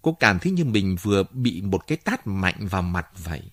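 A man narrating an audiobook story in an expressive reading voice. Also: sits low, a little fast, dry recording, studio quality.

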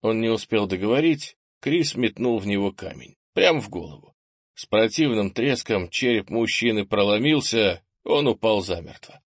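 A man narrates an audiobook in a steady, even storytelling voice. His tone is low. The recording is dry and close to the mic. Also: moderate pace, slightly rough, no room sound. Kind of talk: scripted narration.

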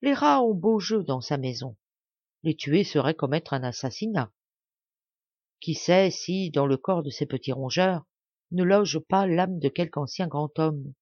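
A woman narrating a fable in an audiobook, reading in a measured, even way. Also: low-pitched, no room sound, lo-fi sound. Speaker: audiobook reader. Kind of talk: storybook narration.

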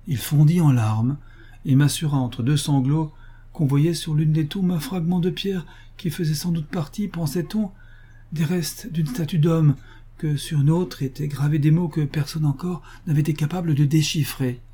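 A man reading a humorous novel aloud in measured, even storybook narration. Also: a little high, slightly rough. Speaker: audiobook reader.

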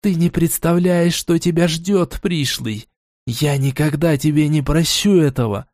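A man voicing a vengeful, scornful female goddess who speaks in a cold, slow, menacing way. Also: fairly high pitch, darkish tone, no echo, clean studio sound, natural voice.

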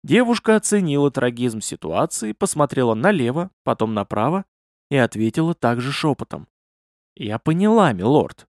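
A man narrating a fantasy audiobook in an expressive, lively reading style. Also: mid-range voice, moderate pace, no room sound, studio quality.

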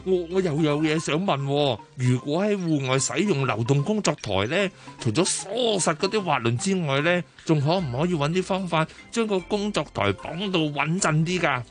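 A man's voice: on the high side, animated, moderate pace, hardly any pauses, faint music behind, close to an everyday voice. A man playing a chatty, curious husband. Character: easygoing middle-aged husband. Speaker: husband in a safety radio drama. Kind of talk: radio drama acting.

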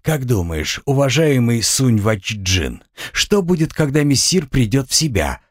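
A man's voice: mid-range voice, big pitch swings, unhurried, no room sound, studio quality, voice pushed up. Man doing a meek servile orderly. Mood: meek deferential. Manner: meek, servile, slightly sly. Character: timid simple male orderly, deferential.

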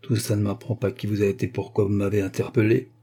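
A man doing a hoarse, cynical street thug. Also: fairly low pitch, level tone, brisk, warm tone, lightly acted. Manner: cynical, slangy, boastful. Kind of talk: audiobook character voice.

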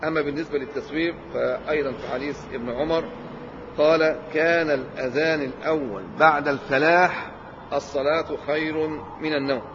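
A man with an Egyptian accent teaches a religious lesson at a brisk pace, laying out each point and asking rhetorical questions that he answers right away. His voice rings with a long hall reverb. The recording sounds slightly muffled and lo-fi, with a faint hiss underneath. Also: fairly high pitch, fairly even intonation. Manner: explains step by step, poses rhetorical questions and answers them.

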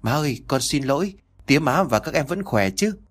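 A man voicing a gentle, dutiful young wife who talks with forced cheer in an audiobook. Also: a little high, expressive, a little fast, pitched above the performer's own voice. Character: young wife hiding her unhappiness.

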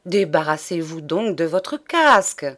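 A woman reading aloud and voicing an irritable middle-aged male schoolmaster who snaps sharp commands at his class. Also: fairly low pitch, sing-song, measured pace, full character voice. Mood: commanding.

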